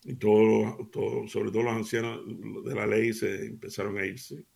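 A man's voice: lowish voice, level tone, moderate pace, gravelly, darkish tone. A man preaching in a chatty storytelling way, telling jokes and laughing at them. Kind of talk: conversational sermon with anecdotes.

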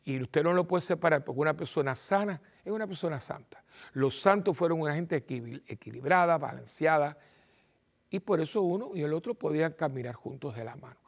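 Gravelly priest. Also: male voice, fairly high pitch, brisk. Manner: animated, acts out little dialogues and repeats phrases for emphasis. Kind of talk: televised sermon talk.

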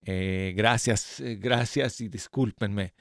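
Slow-talking male radio host with braces. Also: lowish voice, vocal fry, dry recording, clean studio sound. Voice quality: slurred, lisping speech from new dental braces. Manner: friendly, informal, joking at himself. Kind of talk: live radio music show hosting, chatty. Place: radio studio. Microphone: close studio microphone.

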